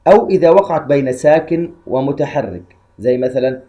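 Teaching Quran recitation rules, this man is patient and measured, pausing his explanations to chant brief verse examples slowly. He has a mellow, animated voice at medium pitch.

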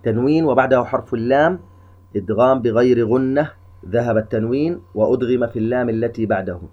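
Step by step, a medium-pitched male teacher walks through Quran recitation rules, laying out each one methodically before slowly stretching out its examples. It was captured on a dull, lo-fi recording.

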